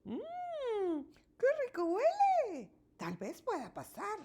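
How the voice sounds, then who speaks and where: A sly little badger savors every word in a slow, sing-song voice, as a woman acts it out. It sits well above a normal speaking pitch and swoops up and down. The sound has a slightly distant quality. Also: wildly swooping pitch, warm tone, exaggerated voice. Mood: greedy delight. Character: sly friendly badger, sniffing for food. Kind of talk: storybook character voice.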